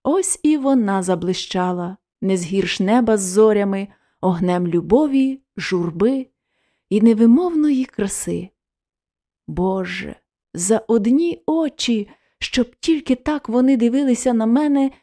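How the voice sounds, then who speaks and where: A woman narrating a literary story in a slow, measured, expressive reading. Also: on the high side. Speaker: audiobook narrator.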